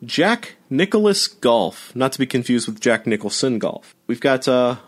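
A man's voice: mid-range voice, sing-song, measured pace. A man co-hosting a podcast, chatting casually about retro games with a wry, joking manner. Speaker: podcast co-host.

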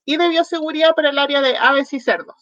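Her voice sits high and is fairly bright, and she talks fast. She's a Chilean veterinarian and product manager from the country's south, with a Chilean Spanish accent, answering online interview questions in a friendly, explanatory manner full of fillers. The recording is dry, with the highs cut off.

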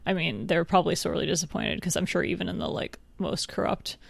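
A woman's voice: fairly low pitch, sing-song, fast, gravelly, dry recording. A woman co-hosting a podcast, rambling and playful in casual chat. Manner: rambling, playful, laughs easily. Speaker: podcast co-host.

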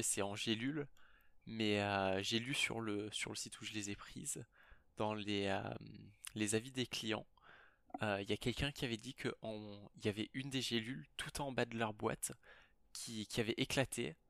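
A young man from Britain with a fairly low, creaky voice chats casually as a podcast co-host. His delivery is colloquial and offhand, with a skeptical streak. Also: moderate pace, a bit bright, no echo. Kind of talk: casual chat.

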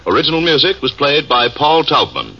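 A man's voice: fairly high pitch, huge pitch swings, brisk, husky, recorded from a distance, lo-fi sound. A male radio announcer reading the closing credits in a formal broadcast style. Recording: old radio broadcast over music, off-mic.

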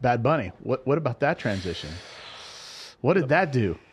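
A middle-aged man hosting a casual chat and asking a guest questions, relaxed and curious, often stumbling over repeated words. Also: mid-range voice, moderate pace, slightly rough. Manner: relaxed, curious, stammering repetitions. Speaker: podcast host. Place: Las Vegas area.

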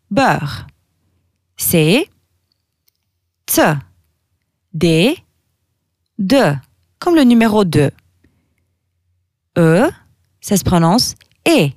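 Woman from Albania, language podcast host, lowish voice, dry close sound, careful letter-by-letter delivery. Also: a little mellow, no room sound. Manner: slow, careful letter-by-letter pronunciation. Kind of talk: scripted podcast lesson.

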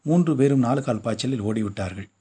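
A man reads a short story aloud, keeping a steady storytelling pace. His voice is dark and mellow with a husky grain. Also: mid-range voice, quick pace. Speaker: narrator.

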